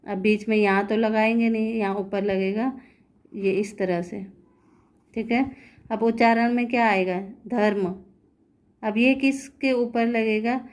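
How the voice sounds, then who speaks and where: A woman teaches Hindi grammar in a classroom-style explanation, patiently repeating words slowly and checking understanding with rhetorical questions. Her voice is a little high and steady in tone.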